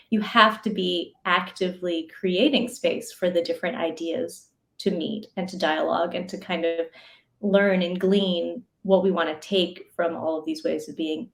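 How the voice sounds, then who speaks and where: A woman, a podcast guest and educator, answering interview questions thoughtfully with frequent fillers and asides. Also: mid-range voice. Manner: thoughtful, many fillers and asides, laughs often. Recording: roomy echo.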